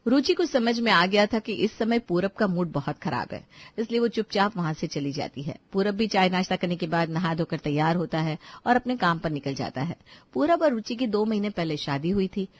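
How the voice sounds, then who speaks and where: A woman narrating a cartoon moral story in a calm, steady storytelling voice. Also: fairly low pitch, moderate pace.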